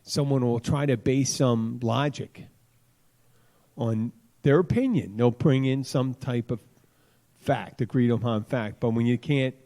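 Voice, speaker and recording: A man hosting a podcast, talking in a loose, rambling way. He jokes and drifts into crude stories and asides. His pitch sits in an ordinary middle range. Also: a little slow, dark tone. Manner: rambling, joking, crude storytelling. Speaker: podcast host. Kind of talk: casual chat.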